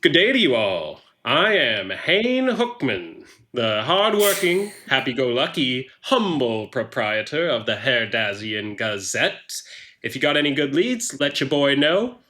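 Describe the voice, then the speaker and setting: A man's voice: medium pitch, very animated, a little slow, bright, forceful tone. A man voicing a short, shifty male newspaperman who talks in a sly, folksy way and drops his words. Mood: sly, smug.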